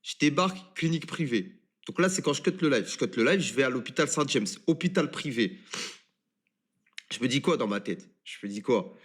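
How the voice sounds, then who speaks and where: A man in his twenties, a streamer, telling a story on a live stream in an animated, crude and swearing manner. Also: medium pitch, a little fast, breathy edge. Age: 20s.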